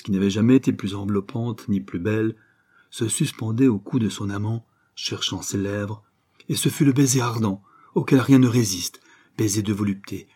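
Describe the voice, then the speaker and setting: A man narrating an audiobook in a dramatic, measured way. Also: on the low side, warm tone, breathy edge. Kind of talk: audiobook reading.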